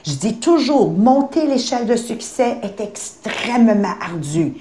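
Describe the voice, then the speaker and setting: A forthright woman, her voice sitting a little high as she drives her points home. She drops English phrases into casual podcast talk. The room around her gives the sound a noticeable echo. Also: very animated, a little slow, mellow, a little hiss or hum. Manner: emphatic, blunt, mixes in English phrases. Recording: roomy echo.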